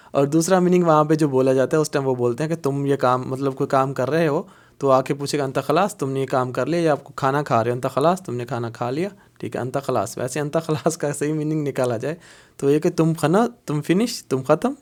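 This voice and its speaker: A man teaching Arabic phrases in a video lesson, patiently repeating each word slowly for learners. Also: a little high, a little mellow.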